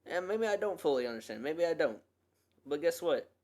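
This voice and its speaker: A man's voice: on the high side, lively intonation, a little fast, darkish tone. A young man hosting a podcast, talking through a personal monologue in an earnest, rambling way, full of fillers and restarts. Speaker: podcast host.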